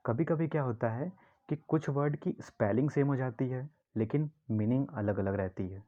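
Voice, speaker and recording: A man's voice: medium pitch, moderate pace, narrow, tinny audio. A man teaching vocabulary in a classroom style, asking his own questions and repeating key words to explain them. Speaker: English teacher.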